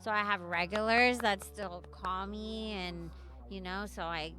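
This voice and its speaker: A woman's voice: mid-range voice, steady tone, measured pace, sharp tone. A woman in her thirties, a podcast guest, telling stories in a chatty, casual way, full of "like" and swearing. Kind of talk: casual interview storytelling.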